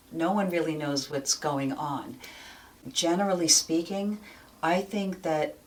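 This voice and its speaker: A woman hosting a talk show, explaining things candidly and checking in with "okay?" as she goes. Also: very deep voice. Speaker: show host. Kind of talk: frank casual talk.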